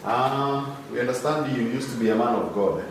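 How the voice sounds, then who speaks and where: A man's voice: medium pitch, normal speed, a little hiss or hum. A Kenyan man casually asking a guest interview questions. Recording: echoey room, far mic, dishes clattering.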